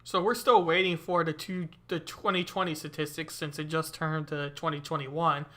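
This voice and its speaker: Male stream host, casual rambling commentary, a bit high and bright. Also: steady tone, normal speed. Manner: rambling, loose, many fillers. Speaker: show host.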